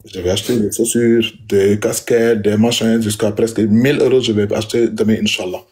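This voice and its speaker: A man's voice: fairly low pitch, little pitch movement, a little fast, a little mellow. A man, speaking to his wife in an emphatic, repetitive, aggrieved way. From Senegal. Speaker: husband addressing his wife. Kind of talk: heated personal address.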